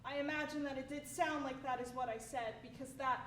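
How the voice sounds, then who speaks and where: A woman's voice: high-pitched, fairly even intonation, fairly quick, fairly bright tone. A woman playing a dry, pedantic news field reporter in a comedy sketch. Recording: roomy, distant, noisy.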